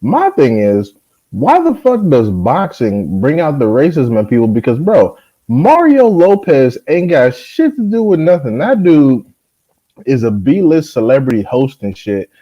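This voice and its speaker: A man guesting on a casual podcast, ranting and mocking in an animated way. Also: medium pitch, measured pace. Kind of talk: casual profane chat. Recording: dull lo-fi audio.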